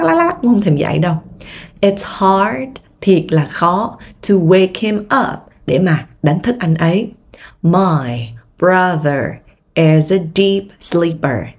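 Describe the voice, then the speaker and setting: A young Vietnamese woman teaching English vocabulary in Vietnamese. She drills each word slowly and explains quickly. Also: fairly low pitch, darkish tone, husky.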